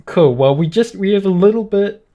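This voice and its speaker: A man's voice: sits high, lively intonation, normal speed, warm tone, dull audio. A man hosting a podcast interview, enthusiastic and affirming toward his guest. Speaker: podcast host. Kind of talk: interview chat.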